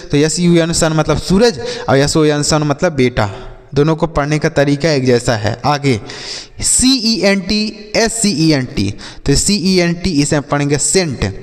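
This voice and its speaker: A man teaching children in Hindi-style lesson, spelling each word letter by letter and asking and answering his own questions. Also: a little high. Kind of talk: English homophone lesson for children. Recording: long reverb.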